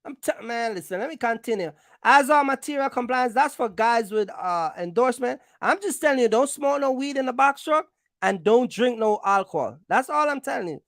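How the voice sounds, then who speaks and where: Fairly quick and expressive, this woman's slightly high voice delivers trucking advice to her channel's viewers. Her casual explainer is blunt and emphatic, full of slang and repeated phrases, with clean studio sound and no room sound.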